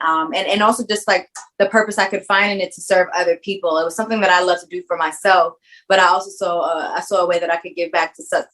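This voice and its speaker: A woman's voice: on the low side, a bit bright, poor audio. A woman filmmaker with a Caribbean background who grew up in New York, answering interview questions in a reflective, earnest way. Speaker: filmmaker guest.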